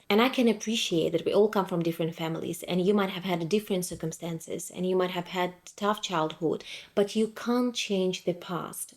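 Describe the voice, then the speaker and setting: A woman's voice: on the low side, a little mellow. A woman in her thirties from Ukraine giving a firm, direct, scripted motivational talk to her followers. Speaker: motivational vlogger.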